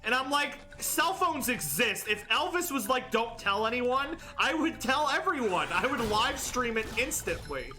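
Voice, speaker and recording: A man's voice: very high-pitched, very animated, normal speed, hardly any pauses, sharp tone. A young man giving casual, jokey gameplay commentary, rambling along with plenty of "like" and restarts. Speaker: gaming commentator. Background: game music.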